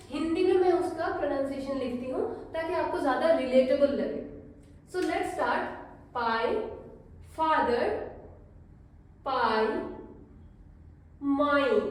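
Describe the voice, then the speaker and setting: A woman teaching a language lesson online, slowly repeating words for learners, mixing Hindi and English. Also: sits high, a little mellow. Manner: slow, careful teaching with repeated drill words. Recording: echoey room, voice from a distance.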